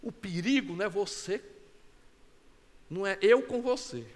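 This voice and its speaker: A man with a Brazilian Portuguese accent preaching a sermon as pastor, swinging between soft asides and loud, animated exclamations and acting out short dialogues. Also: high-pitched, normal speed, in a large hall. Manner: acts out short quoted dialogues in his own voice.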